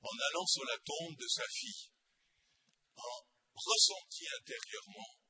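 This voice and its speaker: A man's voice: very high-pitched, wildly swooping pitch, a little slow, pushed and bright, no echo. A man preaching a sermon, impassioned and full of rhetorical questions.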